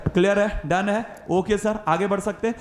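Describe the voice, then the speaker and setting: A man's voice: high-pitched, steady tone, moderate pace, reverberant, a little hiss or hum. A man teaching a biology lesson in Hindi-English, drilling his class by repeating each question and answer and calling listeners beta. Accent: Hindi-speaking north Indian. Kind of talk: classroom lecture with call-and-response drilling.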